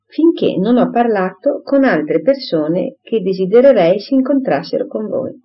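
A woman reading an audiobook, voicing a calm, dry, firm gentleman who speaks in a measured way, in a dull lo-fi recording. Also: mid-range voice, husky, voice pushed up.

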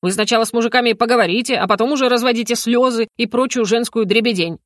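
A small male creature perched on a shoulder, brash and grumpy, scoffs and snorts in a raised, quick voice, as a woman reader puts him on. He is cheeky and never restrained. A dry, close storybook reading. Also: on the high side, no room sound, natural voice. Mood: grumbling.

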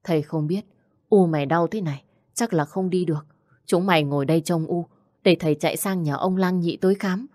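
A woman's voice: fairly low pitch, brisk, a little mellow, dry recording, studio quality, close to an everyday voice. A woman voicing a panicked old village father. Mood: anxious. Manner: pleading, crying out in panic. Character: desperate poor old village man, father.

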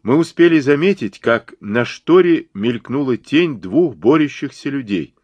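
A man narrating an audiobook in an expressive, dramatic reading, recorded on a close studio mic. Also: mid-range voice, unhurried, no echo. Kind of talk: scripted narration.

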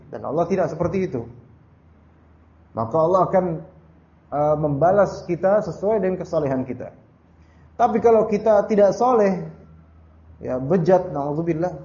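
Echoey, dull recording of a higher-voiced male teacher. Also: mellow. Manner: conversational, tags sentences with "ya" and addresses listeners as "Pak"; quotes Arabic verses then explains them. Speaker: Islamic teacher. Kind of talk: religious study lecture. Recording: echoey room, dull lo-fi sound.

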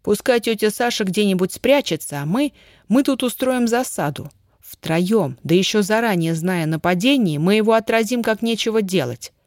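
A woman voicing a bold, boastful teenage boy who talks eagerly and excitedly. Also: medium pitch, moderate pace, no room sound, clean studio sound, voice pushed up, natural voice. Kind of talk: audiobook character reading.

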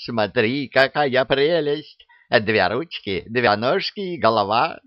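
Old storybook witch, quarrelsome and shrill, played by a man well above his own pitch. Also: expressive, slow pace, no room sound. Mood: gushing. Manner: shrill, squabbling. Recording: dull dry recording.

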